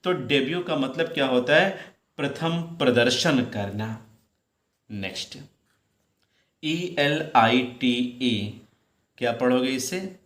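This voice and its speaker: A man teaching English pronunciation in Hindi, slowly repeating each word and quizzing his students. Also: mid-range voice, animated, fairly bright tone. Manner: addresses students as "beta", repeats words slowly, asks questions. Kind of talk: pronunciation lesson. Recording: roomy echo.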